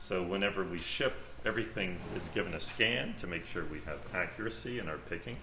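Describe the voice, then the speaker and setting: A man's voice: sits low, brisk. A middle-aged man giving an informal guided tour of a warehouse, speaking through a face mask. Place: large indoor warehouse. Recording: noisy warehouse ambience.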